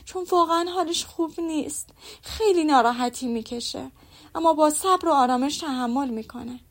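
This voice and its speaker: A woman's voice: high-pitched, voice pushed up. A woman reading an audiobook, voicing a fussy, boastful middle-aged mother who gushes and prattles. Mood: gushing. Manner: gushing and prattling.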